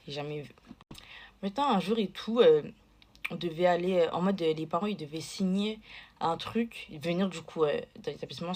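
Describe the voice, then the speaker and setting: A woman telling a casual story to camera, chatty and digressive, full of fillers and asides. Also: lowish voice.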